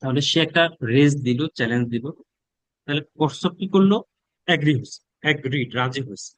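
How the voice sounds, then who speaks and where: A man's voice: medium pitch, animated, quick pace, no room sound, rough recording. A man with a Bangladeshi accent teaching an online English class, explaining patiently, repeating phrases and asking the class questions.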